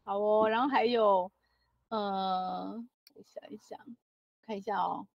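A woman hosting a casual podcast interview, chatty and quick to laugh. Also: mid-range voice, steady tone, vocal fry, no room sound, dull audio. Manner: chatty, reads out listener comments with laughs. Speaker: podcast host.

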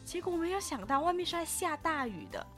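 A young woman co-hosting a casual podcast, explaining things at a measured pace with frequent fillers. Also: extremely high pitch, sing-song, fairly bright tone, faint music behind. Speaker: podcast co-host. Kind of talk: casual chat.

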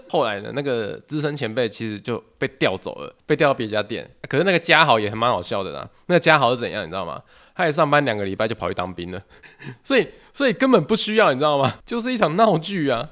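A man's voice: mid-range voice, quick pace. A man with a Taiwanese Mandarin accent hosting a podcast, telling anecdotes in casual talk and acting out what other people said. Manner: lively anecdotes, acting out quoted voices. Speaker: podcast host. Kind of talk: casual storytelling monologue.

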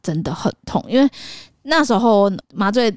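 A young woman, co-hosting a podcast and telling a personal story in a lively way that includes some swearing. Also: medium pitch, moderate pace, no room sound, studio quality. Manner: animated, vivid retelling with mild swearing. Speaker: podcast co-host. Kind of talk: casual chat, personal storytelling.

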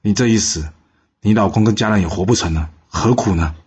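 A man voicing a blunt male army general of ancient times, persuading plainly, husky voice on a dull recording. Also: fairly low pitch, fairly quick.

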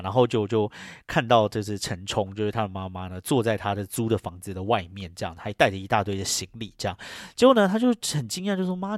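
Guy talking quick, kinda low voice, rambly movie recap with lots of filler, dry close mic. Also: dry recording. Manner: rambling, ends sentences with filler phrases; acts out characters' lines with jumps in pitch. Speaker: podcast host. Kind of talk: casual film recap.

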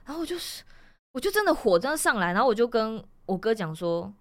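A woman in her late twenties or thirties with a Taiwanese Mandarin accent, telling a story in casual podcast chat and animatedly acting out the people in it. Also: fast. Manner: animated, acts out quoted people with big pitch jumps. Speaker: podcast co-host.

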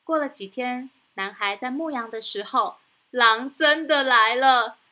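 A woman with a Taiwanese Mandarin accent hosting a children's story show, narrating in a gentle, sing-song way to young listeners. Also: fairly high pitch, measured pace, heavy background noise. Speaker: storytelling host.

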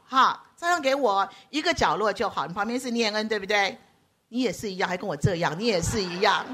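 A woman preacher, giving a lively sermon, teasing her listeners by name and acting out quoted voices. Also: mid-range voice. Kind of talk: lively sermon with audience banter.

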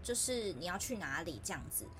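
Lively Taiwanese woman telling stories. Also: lowish voice, brisk, faint music behind. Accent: Taiwanese Mandarin. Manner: animated storytelling, acting out quotes, laughing. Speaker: podcast co-host. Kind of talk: casual chat.

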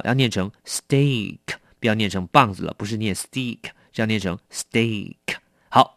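This is an English vocabulary lesson delivered in Mandarin by a man whose pitch sits fairly low. He talks in a conversational, explanatory manner and throws in rhetorical questions, all captured as clean, echo-free studio audio.

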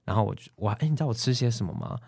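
A man with a Taiwanese Mandarin accent tells stories at a quick clip, his voice sitting a little low. He slips into the voices of the people he quotes. The sound is close and dry. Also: vocal fry, husky, no room sound. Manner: animated, acts out quoted voices. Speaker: podcast guest. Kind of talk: casual storytelling chat.

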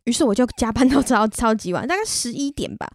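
Fairly high-pitched and fast, with lively intonation, this Taiwanese Mandarin-accented woman hosts a podcast. She gives a casual, candid monologue about her own experience, chatty and self-deprecating. The recording is studio quality with no room sound.

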